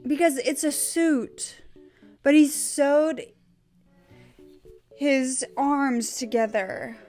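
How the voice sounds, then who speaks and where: Slow-talking Quebec woman reacting profanely. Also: sits high. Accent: Quebec French Canadian. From Quebec, Canada. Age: 20s. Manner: loud, profane, laughing. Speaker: movie reaction host. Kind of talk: casual movie reaction commentary.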